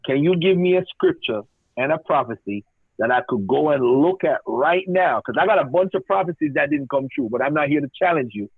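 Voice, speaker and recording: A man's voice: fairly high pitch, very animated, a little fast, gravelly, slightly rough, dry recording. A man calling in to a talk show, joking and deferential as he asks his questions. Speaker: caller. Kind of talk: casual call-in talk. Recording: tinny phone line.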